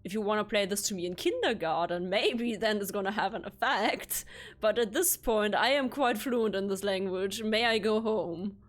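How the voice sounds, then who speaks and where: A woman chatting casually while streaming a video game, rambling along with quick self-corrections. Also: medium pitch. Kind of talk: casual chat while gaming.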